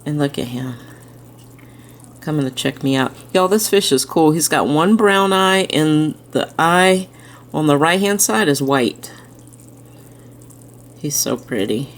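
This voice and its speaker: A woman's voice: deep voice, slow pace, long pauses. A woman, chatting casually and fondly as she films her fish tanks at home. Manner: chatty, fond and relaxed narration. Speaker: aquarium vlogger. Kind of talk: casual chat. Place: indoors at home by a fish tank.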